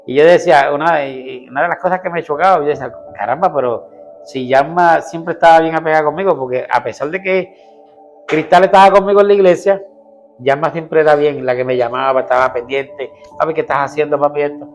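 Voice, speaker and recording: A man's voice: on the high side, a little fast, faint music behind. Earnest pastor, man with a raised voice. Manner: earnest storytelling, acting out quoted dialogue. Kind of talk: personal testimony in an interview.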